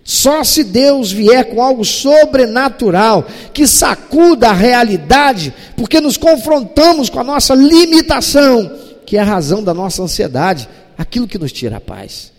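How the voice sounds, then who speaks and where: A man with a high voice delivers a sermon, dramatic and animated, acting out the scenes he describes. His voice rings through an echoey church hall with a long reverb. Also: normal speed. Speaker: pastor.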